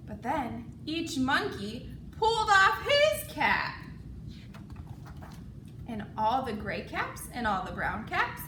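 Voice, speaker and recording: High singsong woman reading to children. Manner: broad singsong children's-theatre delivery, expressive and deliberate. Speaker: storyteller. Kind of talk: children's storytime read-aloud. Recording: echoey room, distant mic, noisy background.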